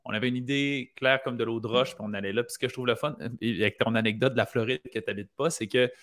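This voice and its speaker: A man's voice: mid-range voice, steady tone, quick pace, a bit bright. A man with a Quebec French accent hosting an interview, reflective and circling his points with restarts. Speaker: podcast host. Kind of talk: conversational interview.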